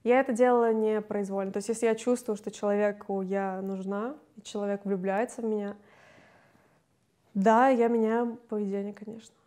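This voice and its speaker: A young woman, a singer, talking candidly and casually in an interview, chatty and quick to laugh. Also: mid-range voice, flat delivery, mellow.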